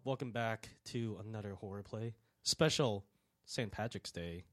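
A man's voice: lowish voice, measured pace, a bit bright, no room sound, clean studio sound, faint music behind. A young man hosting a casual horror game podcast, joking and giggling as he chats with his co-hosts. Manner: joking, giggly, reads ad copy. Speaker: podcast host.

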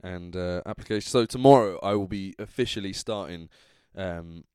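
Male podcaster, English accent, drunk and rambling, lowish smooth voice, casual solo chat. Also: moderate pace, darkish tone, no echo, studio quality. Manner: rambling, trailing off, self-interrupting. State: drunk, tipsy. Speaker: podcast host.

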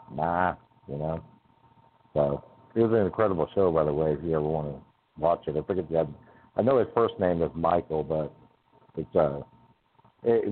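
A man calling into a radio show over a phone line, rambling and chatty and laughing often. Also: low voice. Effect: call-in voice over a phone line.

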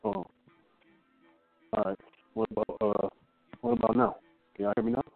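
A man calling into a radio show, talking in a halting way full of fillers, his voice coming through a muffled phone line that sounds underwater. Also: high voice, very animated, gravelly, faint music behind. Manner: halting, filler-heavy, rambling. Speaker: caller. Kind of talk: call-in radio chat.

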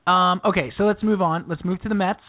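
A man co-hosting a podcast, chatting in a deadpan, playful comic way. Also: high-pitched, quick pace, no room sound. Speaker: podcast co-host. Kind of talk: casual comedic chat. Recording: dry, phone-like lo-fi.

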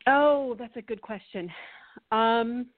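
Rambling woman guest on a phone line. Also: on the high side. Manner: rambling, many fillers, quick laughs. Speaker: guest psychic. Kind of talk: casual chat.

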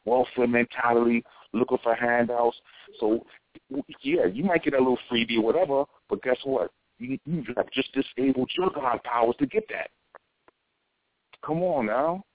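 A man's voice: medium pitch, moderate pace, no room sound. An American man ranting like a soapbox preacher, exhorting in informal street vernacular with repeated phrases. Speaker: self-styled spiritual teacher. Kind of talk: impassioned soapbox sermon. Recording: thin phone-like radio sound.

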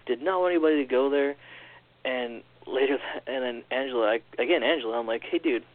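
A man telling a strange personal story in a casual, animated way, acting out what others said, on a phone-like recording. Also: mid-range voice. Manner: animated, quick storyteller acting out quoted lines. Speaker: podcast guest. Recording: tinny phone-like line.

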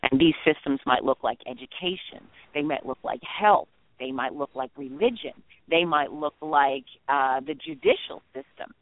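A man's voice: a little high, very animated, moderate pace, gravelly, few pauses, no echo. Guy on speakerphone, call-in guest, earnest spiritual talk, dry tinny phone sound. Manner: earnest, repetitive phrasing.

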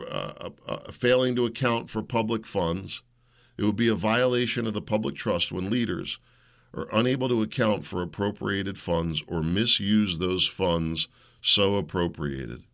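A middle-aged host runs a solo political commentary show in a slightly raspy, somewhat low voice. He gets impassioned, building to loud rhetorical questions, then drifts off into rambling asides.

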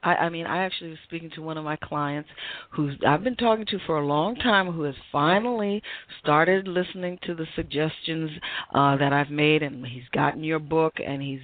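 A woman's voice: low-pitched, moderate pace, dry recording. A woman host speaks over a tinny, phone-like line, with a dry and close sound. She rambles and searches for words, restarting her sentences as she builds a question. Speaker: host, psychologist. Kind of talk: casual interview talk.

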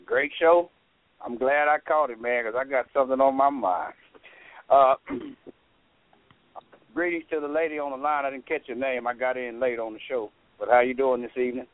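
A man from Texas calls in to a radio show, his voice squeezed thin by a narrow telephone line with a close, dry sound. He talks in a relaxed, conversational way and keeps clearing his throat. His pitch sits around the middle for a man. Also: moderate pace, no room sound. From Texas, USA. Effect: calling in over a phone line to a radio show. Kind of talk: casual call-in chat. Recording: tinny, dry phone line.

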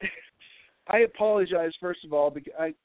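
A congested American man from New Hampshire hosts a casual radio show, rambling and stammering jokily in a high-pitched voice at a slightly fast pace. Breathing through his mouth, he's on a thin mic curled close to his face, and the sound is a thin, phone-like line with no echo.

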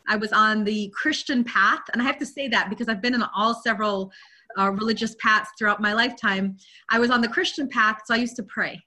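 A woman's voice: medium pitch, pushed and bright. A woman from Guyana, a spiritual teacher and interview guest, telling her life story candidly and openly with frequent "you know.". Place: Virginia.

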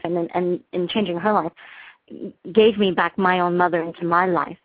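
A woman with a lowish voice speaks earnestly and warmly, pausing often with ums as she answers. The sound is dry and narrow, like a phone line. She is a doctor from England talking as an interview guest. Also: dry recording. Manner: warm, earnest, many ums and restarts. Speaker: family physician, guest. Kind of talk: casual interview talk.

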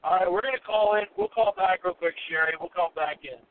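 A man's voice: sits high, lively intonation, fairly quick. A man calling in on speakerphone from a car, chatting casually and apologizing for the connection. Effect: speakerphone call from a car. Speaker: podcast guest calling in. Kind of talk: casual chat. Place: inside a rental car. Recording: tinny phone line with faint noise.

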